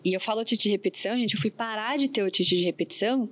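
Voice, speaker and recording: A chatty woman on a podcast, talking through her work and her own stories. Her voice sits in an ordinary middle register, and she speaks in a lively, conversational way. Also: medium pitch, racing. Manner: chatty, animated storytelling.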